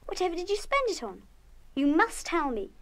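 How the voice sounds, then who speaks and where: A woman's voice: very high voice, big pitch swings, normal speed, fairly bright tone, full character voice. An actress playing a bossy senior schoolgirl monitor in a children's radio play, speaking in an emphatic, prefect-like way. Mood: stern, scolding. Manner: scolding, emphatic. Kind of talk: 1970s full-cast children's radio play acting.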